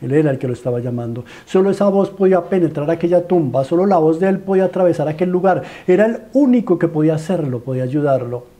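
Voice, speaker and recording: A Colombian man preaching in a fairly high voice with a mellow, warm tone. He tells the story dramatically and pleads with his listeners, piling up rhetorical questions and repeating his phrases. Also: animated, fast, hardly any pauses.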